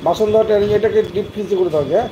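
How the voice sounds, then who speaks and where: Fast bossy Bengali man, noisy kitchen. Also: high-pitched. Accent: West Bengal Bengali. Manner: loud, teasing, gives orders. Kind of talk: casual bossy chat with staff. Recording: noisy street ambience.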